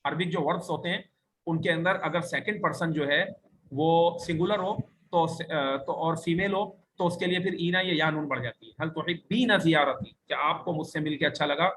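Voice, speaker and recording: Male teacher from Pakistan, high bright voice, strict drilling, corrects mistakes. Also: fairly even intonation, a little hiss or hum, low-quality recording. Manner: firm, corrective, drills students. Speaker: Arabic teacher. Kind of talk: classroom lesson with online students.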